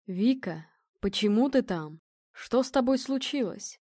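A woman's voice: a little high, animated, measured pace, dark tone, no room sound, clean studio sound. A woman voicing a confident, imposing male medium who speaks weightily and commandingly, in a storybook reading.

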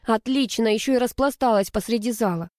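A woman's voice: a little high, brisk, a little mellow, dry recording, clean studio sound, pitched above the performer's own voice, natural voice. A woman voicing a sulky, sarcastic young female student who grumbles and whines. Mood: grumbling.

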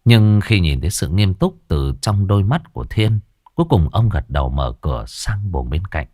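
Low-voiced, animated storyteller man. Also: moderate pace, no echo, clean studio sound. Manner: expressive storytelling. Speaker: narrator. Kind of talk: ghost story narration.

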